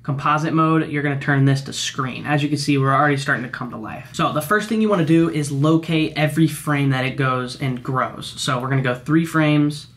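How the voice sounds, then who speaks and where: A young man casually teaching video editing step by step, explaining each click in a relaxed, slangy way while recording his screen at home. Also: a little high, brisk, hardly any pauses. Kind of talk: screen-recorded software tutorial.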